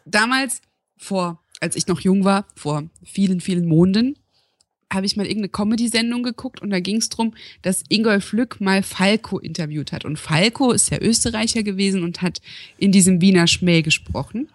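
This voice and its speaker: A woman from Saarland, co-hosting a podcast and chatting casually with dry, relaxed storytelling. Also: medium pitch, normal speed, no room sound. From Saarland, Germany. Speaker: podcast co-host. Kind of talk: casual chat.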